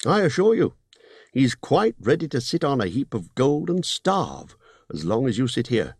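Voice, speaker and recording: A man voicing a fussy, polite male hobbit burglar who talks in a businesslike, slightly squeaky way. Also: big pitch swings, normal speed, breathy edge, dry recording, studio quality.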